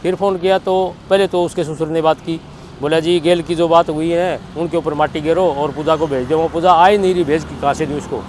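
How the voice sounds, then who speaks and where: In a statement about his loss, a middle-aged father from Haryana, India, speaks in a plain, spontaneous way with a Haryanvi accent, quoting reported dialogue as he goes. His pitch is fairly high with fairly even intonation, his pace a little fast and his tone darkish. Slight background noise is audible.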